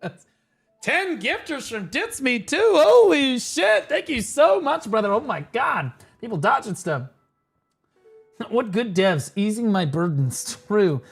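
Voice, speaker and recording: A man's voice: extremely high pitch, big pitch swings, takes it slowly, vocal fry, slightly rough, faint music behind. A man on a livestream headset mic, ranting sarcastically and swearing through casual game commentary. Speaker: livestream gamer.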